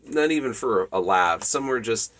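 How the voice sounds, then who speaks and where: A man giving a casual, rambling movie review, full of ums and restarts, with lively enthusiasm. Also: medium pitch, normal speed. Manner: rambling, many fillers and restarts.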